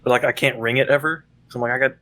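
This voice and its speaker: Man, podcast co-host, bright voice, joking, rambling. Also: medium pitch, steady tone, racing. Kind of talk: casual chat.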